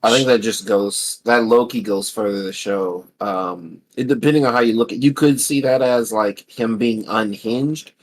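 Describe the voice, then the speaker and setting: A man's voice: lowish voice, moderate pace, hardly any pauses. A man co-hosting a podcast, chatting casually in a thoughtful, analytical way, often searching for the right words. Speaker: podcast co-host. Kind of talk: casual chat.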